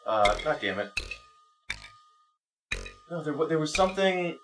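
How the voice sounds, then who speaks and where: Far from the mic and backed by music, this let's player talks in a fairly high, sing-song voice at a measured pace. His gameplay commentary rambles casually, is profane and self-deprecating, and he exclaims at the game mid-sentence.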